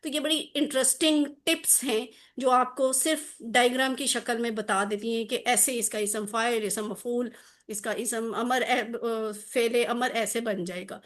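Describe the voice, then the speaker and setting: A woman's voice: on the high side, fairly even intonation. A woman teaching an online grammar class, patiently drilling word forms and asking students questions.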